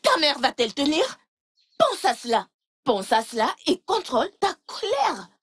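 A woman dubbing a film role as a calm older sister who pleads, soothes and repeats herself. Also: sits high, moderate pace. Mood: soothing. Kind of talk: dubbed film acting.

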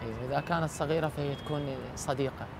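Iraqi male cleric as interview guest, quick but halting, high-set voice, clear traffic noise behind. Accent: Iraqi Arabic. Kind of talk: reflective interview talk. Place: outdoors at night in a city park.

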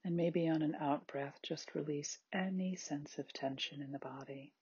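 In a dry, lo-fi recording, an androgynous meditation guide speaks in a mid-range voice that is very husky and breathy, sometimes dropping almost to a whisper. The guide gives a gentle, unhurried body scan in short phrases with space between them.

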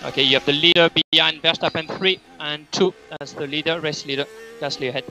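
Bright-voiced male race engineer on car radio. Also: a little high, fairly even intonation, fairly quick, soft background music, low-quality recording. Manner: terse, repetitive, clipped instructions. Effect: team radio transmission.

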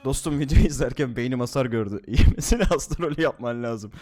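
A man's voice: medium pitch, fast, a little mellow, faint music behind. A young man streaming from home, chatting casually at his desk mic, laughing, swearing and joking as he reacts to videos.

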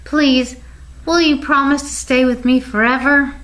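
A shy, tender-hearted little girl doll, voiced by a woman reading a storybook. She speaks high and pleading, fretful and quick to worry. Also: steady tone, fairly bright tone. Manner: timid and pleading.

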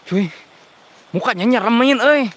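A man with a Sundanese accent hosting a night ghost-hunting vlog outdoors, excitable and jokey, swearing and praying when startled. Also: very high voice, a little slow.

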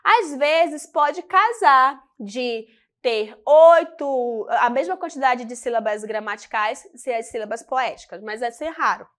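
Slow, high-voiced Brazilian woman teacher. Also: lively intonation, a bit bright. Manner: patient, counts aloud, checks in with frequent tag questions. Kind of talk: classroom lesson.

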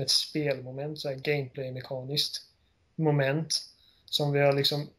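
A man co-hosting a casual game podcast, retelling scenes with animated storytelling. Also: fairly high pitch. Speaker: podcast co-host. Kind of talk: casual chat.

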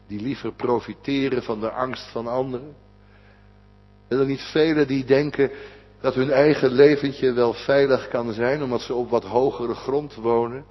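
Husky-voiced man preaching in a church. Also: medium pitch. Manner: preaching with sudden swings from loud urging to hushed whisper. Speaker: pastor. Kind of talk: sermon. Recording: dull lo-fi recording with long church reverb.

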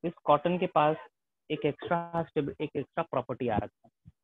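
Brisk and fairly high-pitched, this man delivers a classroom lecture, slipping in English terms and using tag questions to check on his listeners. The audio has a tinny, phone-like quality.

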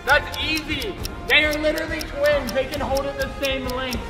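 A man's voice: very high voice, steady tone, normal speed, echoey room, in a large hall, recorded from a distance, over music, a crowd in the background. A man hosting a casual competition vlog, cheering and teasing the players. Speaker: vlog host.

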